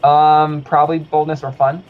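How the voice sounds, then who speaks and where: A man's voice: on the high side, little pitch movement, moderate pace. A man playing a video game with friends on a stream, reading game text aloud, swearing and laughing often. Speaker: gamer. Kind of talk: casual game stream chat. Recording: muffled lo-fi stream audio, faint music.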